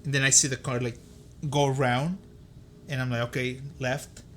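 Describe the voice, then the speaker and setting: A middle-aged man co-hosting a podcast in casual chat, an animated storyteller who jumps high when quoting others. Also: normal speed, slight background noise. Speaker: podcast co-host.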